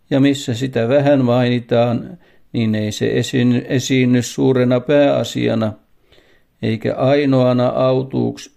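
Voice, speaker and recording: A man's voice: medium pitch, gravelly, mellow. A man preaching a sermon in a solemn, emphatic manner, asking his listeners direct questions.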